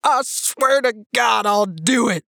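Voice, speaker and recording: A man puts on a jittery young agent who yells in high, cracking bursts. He hams up his fear like a stock coward in an old film. The sound is close and dry. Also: moderate pace, breathy edge, dry recording. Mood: shouting panic. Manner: shouting, theatrically panicked. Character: jittery young male agent faking panic.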